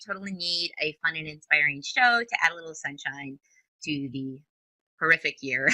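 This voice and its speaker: A woman's voice: fairly low pitch, sharp tone, dry recording, low-quality recording. A woman podcast host with a Minnesotan accent, upbeat and chatty, laughing easily as she interviews a guest.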